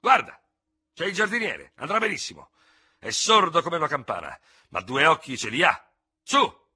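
A man voicing a small, hot-tempered Gascon hussar lieutenant who shouts and hisses in fury. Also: medium pitch, animated, a little fast, breathy edge, voice pushed up. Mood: raging. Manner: shouting, hissing, ranting. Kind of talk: audiobook character reading.

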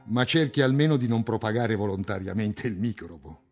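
A man reading an audiobook, voicing a calm, patient man with a gently ironic manner. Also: on the low side, brisk, faint music behind.

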